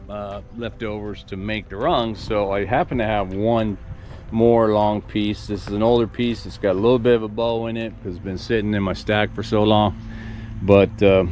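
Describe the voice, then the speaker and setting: Out at a construction site on his farm, a farm vlogger in his sixties thinks aloud about a build he's planning. His fairly low, darkish voice rambles casually with many restarts, over slight background noise.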